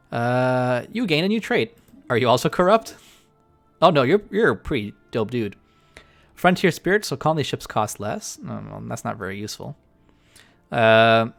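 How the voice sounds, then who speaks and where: A man's voice: medium pitch, creaky. Rambling male game streamer. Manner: rambling, full of fillers. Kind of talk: casual live-stream chat.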